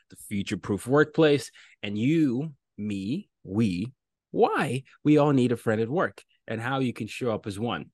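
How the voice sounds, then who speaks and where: A man hosting a podcast interview, introducing his guest with enthusiastic, animated delivery and big swings in loudness. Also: mid-range voice, dry recording, clean studio sound. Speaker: podcast host.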